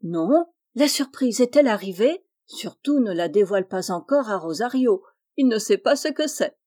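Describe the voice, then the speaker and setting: A woman voicing a friendly, clever little bee in a storybook, in a lively, confiding way. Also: mid-range voice, normal speed, close to an everyday voice.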